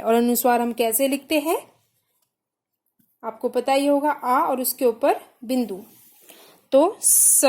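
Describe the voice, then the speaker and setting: A woman with a high voice teaches children a grammar lesson at an unhurried pace. She breaks each word down syllable by syllable with patience. She poses questions and then answers them herself. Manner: patient, slow, spelling out syllables one by one.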